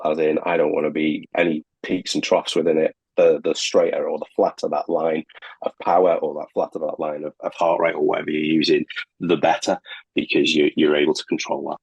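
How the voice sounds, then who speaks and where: A man, a triathlon coach, giving relaxed conversational advice and telling stories. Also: very deep voice, slightly rough, no room sound, poor audio. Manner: relaxed, storytelling.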